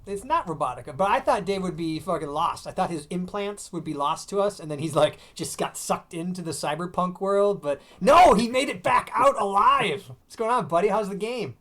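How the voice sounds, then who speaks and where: A man's voice: sits high, lively intonation, fairly quick, hardly any pauses, a bit bright. A man hosting a casual podcast, loose and joking, who swears freely. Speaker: podcast host.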